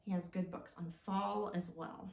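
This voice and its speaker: Hosting storytime, a woman reads to small children and explains things in a sing-song voice, asking simple, encouraging questions. Her voice is on the low side, darkish and steady, with vocal fry and a moderate pace. The room is echoey and the mic distant.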